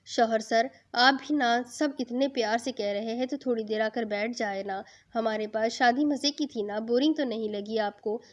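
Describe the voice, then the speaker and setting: A woman's voice: a little high, few pauses, natural voice. A woman doing a teasing young bride. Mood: playful teasing. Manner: chatty, playfully bossy. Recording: dull lo-fi.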